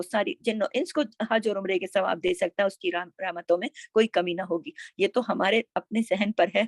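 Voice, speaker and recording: A woman's voice: mid-range voice, gravelly, no echo. A woman giving a religious lecture to a class of women, earnest and repeating her points for emphasis. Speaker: religious teacher.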